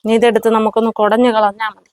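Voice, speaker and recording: A woman with a slightly raised voice talks casually to her viewers while doing yard work. She chats to them as friends as she pulls plants and clears the ground. The sound is from an outdoor home yard, picked up on a handheld camera. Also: a little high, flat delivery, fast, darkish tone, a little hiss or hum, poor audio. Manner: chatty, addresses viewers as friends. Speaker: vlogger. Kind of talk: casual chat while gardening.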